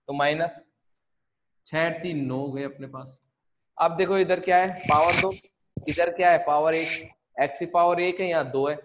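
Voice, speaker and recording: Man teaching math, step by step. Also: on the high side. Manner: repetitive, step-by-step explaining with rhetorical questions. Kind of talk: online math lesson.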